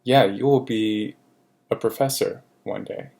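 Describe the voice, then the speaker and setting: Slow-speaking man teaching French. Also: fairly low pitch, vocal fry, a little mellow. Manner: unhurried, many fillers, repeats French examples. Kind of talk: recorded grammar lesson.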